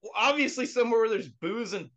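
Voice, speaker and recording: A man's voice: extremely high pitch, animated, fast, fairly bright tone. A man co-hosting a podcast in casual chat, blunt and profane, laughing often. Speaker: podcast co-host.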